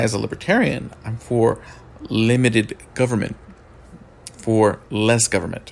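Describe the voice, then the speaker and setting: A man who sounds groggy from just waking up, giving casual, unscripted political commentary in a halting way with repeated words and pauses. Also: lowish voice, creaky.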